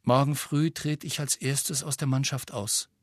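A man's voice: mid-range voice, steady tone, unhurried, no room sound, clean studio sound, pitched above the performer's own voice, natural voice. A man voicing a miserable, self-blaming teenage boy in a storybook, mumbling in a glum, dull way.

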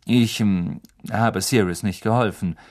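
A man voicing a calm, weary middle-aged teacher in a storybook reading, speaking gently and carefully. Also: fairly low pitch, unhurried, lightly acted.

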